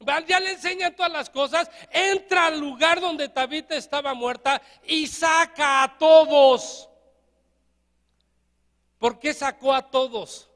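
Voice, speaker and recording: A Mexican-accented man preaches in a very high, bright voice, animated and jokey. He keeps getting the congregation to repeat lines back to him. The sound carries a long church-hall reverb. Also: normal speed, few pauses. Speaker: pastor. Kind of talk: lively sermon.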